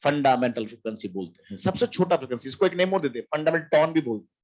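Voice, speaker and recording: Husky male teacher, fairly high voice, lecturing with repeated questions and answers. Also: lively intonation, racing, a little mellow. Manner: asks questions and answers them himself, repeats key terms. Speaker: physics teacher. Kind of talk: classroom lecture.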